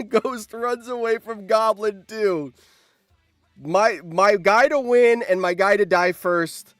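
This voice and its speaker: This man hosts a live stream, announcing game results in an excited, lively way full of surprised outbursts. His high-pitched voice is captured in a dry recording.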